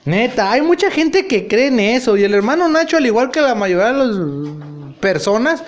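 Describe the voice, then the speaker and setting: A man's voice: extremely high pitch, very animated, normal speed. A man, hosting a podcast and telling rambling stories full of crude slang. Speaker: podcast host. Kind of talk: casual storytelling monologue.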